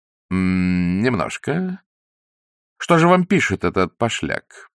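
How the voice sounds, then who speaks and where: A man doing a smooth, ironic schemer. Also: sits low, sing-song, slow, dry recording, clean studio sound, exaggerated voice. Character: charming, scheming adult male adventurer.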